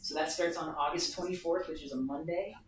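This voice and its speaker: A woman leading a real estate office meeting, running through announcements at a brisk, upbeat pace. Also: sits low. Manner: brisk, upbeat, pleading plugs. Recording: echoey room, distant mic, background noise.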